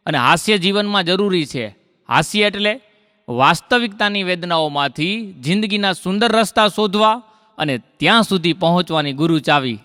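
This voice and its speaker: A man's voice: high voice, sharp tone. A male comedian, reciting rhymed couplets and telling jokes to a live audience on stage. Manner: rhythmic couplet recitation then rapid joke telling. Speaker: stand-up comedian. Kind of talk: Gujarati folk comedy on stage. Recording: dry close mic with hall reverb. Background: audience laughter.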